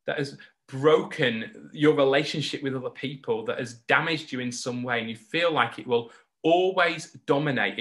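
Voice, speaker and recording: A man preaching a sermon in an earnest, heartfelt way, slowing down and pausing to stress key words. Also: mid-range voice, a bit bright. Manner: earnest, heartfelt, with slow emphatic pauses. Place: home recording for an online service.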